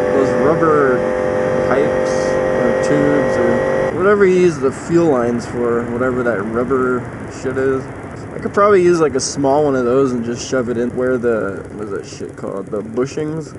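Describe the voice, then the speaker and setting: A man casually rambling in a motorcycle vlog, often interrupting himself and swearing mildly, talking from inside a helmet as he rides. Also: mid-range voice. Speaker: motorcycle vlogger. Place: riding a motorcycle outdoors. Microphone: microphone inside a motorcycle helmet. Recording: inside a helmet, loud engine and wind noise.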